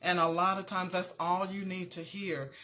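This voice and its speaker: Speaking straight to her audience, a woman hosting a motivational show gives a sincere, uplifting talk rooted in faith. Her voice is on the low side and sharp in tone, with little pitch movement and a normal speed.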